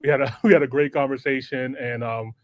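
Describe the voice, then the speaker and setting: This man hosts a live online talk show as a podcast host, chatting loosely with slang and laughing often in a casual live-stream style. His voice is medium in pitch and steady in tone, a little fast, and recorded dry.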